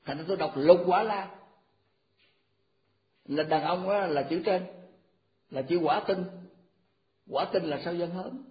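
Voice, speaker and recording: A man's voice: high-pitched, unhurried, long pauses. A man in his eighties, a Buddhist monk, giving an informal, folksy dharma talk and rattling off memorized verse formulas. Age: 80s. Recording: echoey, muffled recording.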